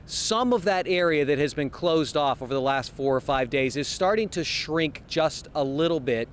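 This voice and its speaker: A television news field reporter does a live report outdoors on a city street outside an event venue, speaking in an animated way at a moderate pace. Street noise and the rumble of traffic fill the background.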